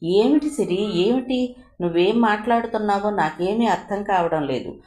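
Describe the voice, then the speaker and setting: A woman's voice: medium pitch, lively intonation, normal speed, a little mellow, lightly acted. A woman reading the lines of a worried young man who pleads and reassures. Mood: bewildered. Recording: echoey room.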